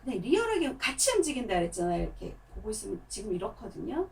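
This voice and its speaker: A woman's voice: medium pitch, fast, creaky, far from the mic, poor audio. A woman who performs in a hand-puppet theatre, chattily explaining and demonstrating puppet technique. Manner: chatty, lively, lots of demonstrative words.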